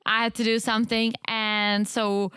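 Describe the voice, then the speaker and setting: A woman's voice: fairly high pitch, level tone, moderate pace, sharp tone, smooth, no echo, clean studio sound. A woman co-hosting a podcast in casual, conversational chat. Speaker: podcast co-host.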